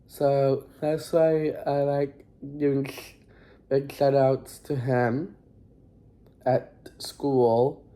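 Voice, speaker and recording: Slow, halting, very dark-voiced teenage student vlogger. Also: mid-range voice, little pitch movement. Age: teens. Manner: halting, rambling, apologetic. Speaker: high school student vlogger. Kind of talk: casual recap vlog to camera. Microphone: phone.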